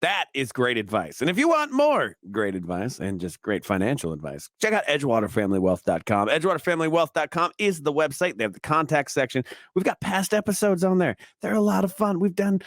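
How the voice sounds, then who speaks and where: A man hosting a radio money show, easygoing and quick to laugh, reading listener questions and plugs. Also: on the high side, sing-song, no echo, studio quality. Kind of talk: casual radio talk.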